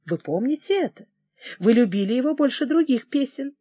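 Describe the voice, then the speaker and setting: An audiobook reader voicing a gentle, devoted woman who soothes the king. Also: high-pitched, lively intonation, brisk, slightly rough, no room sound, voice pushed up. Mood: soothing. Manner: soft, soothing. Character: gentle devoted woman singer, the king's nurse. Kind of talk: audiobook character reading.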